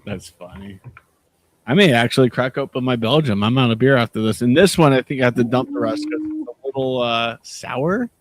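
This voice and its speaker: A man's voice: mid-range voice, fairly quick. Chatty man rambling on a call. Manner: chatty, rambling, laughs often. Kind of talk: casual group chat on a video call.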